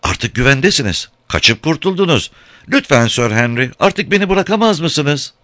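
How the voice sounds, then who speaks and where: A man's voice: on the high side, very animated, normal speed, pushed and bright, dry recording, voice pushed up. A man voicing a frightened young woman captive who begs tearfully for mercy in an audiobook. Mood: pleading. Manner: tearful, begging. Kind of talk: audiobook character voice.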